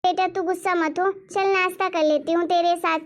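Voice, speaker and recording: A woman's voice: very high-pitched, steady tone, a little fast. Woman voicing a nagging lying mother-in-law. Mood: scolding. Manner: nagging, complaining, blames others. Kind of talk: animated cartoon voice acting.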